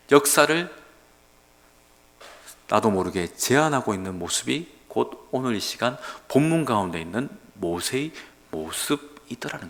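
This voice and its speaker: A man's voice: a little high, pushed and bright. A male pastor preaching an early-morning sermon in a church, acting out dialogues in a raised, dramatic voice. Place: church sanctuary. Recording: long hall reverb.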